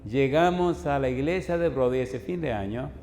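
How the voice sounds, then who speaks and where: A man's voice: medium pitch, lively intonation, normal speed, darkish tone. A man, a pastor preaching a sermon, telling stories and acting out both sides of the dialogue while pressing the congregation with yes-or-no questions. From Dominican Republic. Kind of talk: sermon storytelling. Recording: echoey hall with faint noise.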